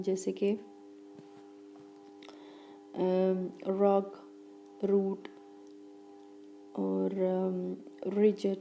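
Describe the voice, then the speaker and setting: A woman teacher giving a lecture, reading English lines slowly and explaining them quickly in between, with fillers and restarts. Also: mid-range voice, mellow, slight background noise.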